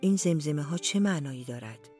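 A narrator voicing a male town mayor who speaks in a formal, measured way. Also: mid-range voice, expressive, darkish tone, faint music behind, natural voice.

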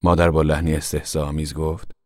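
Male narrator, extremely deep voice, measured, solemn, dry close sound. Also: flat delivery, a little mellow, dry recording. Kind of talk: scripted literary narration.

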